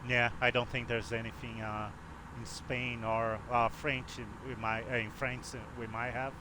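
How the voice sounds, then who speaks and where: Hesitant man commenting over steady noise. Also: mid-range voice, normal speed. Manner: hesitant, trailing phrases. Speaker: flight simulator streamer. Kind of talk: casual, unscripted commentary.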